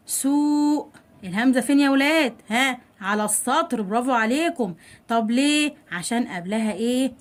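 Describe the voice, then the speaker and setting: A woman with an Egyptian Arabic accent teaching children a spelling lesson, asking questions and answering them herself, and drawing out example words slowly. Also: a little high. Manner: coaxing, addresses kids directly.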